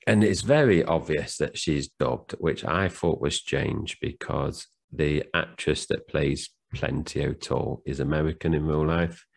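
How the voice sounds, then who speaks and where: A man's voice: a bass voice, measured pace, gravelly, hardly any pauses. A man co-hosting a film podcast, chatting casually and retelling scenes with lots of fillers. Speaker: podcast co-host. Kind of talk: casual film review chat.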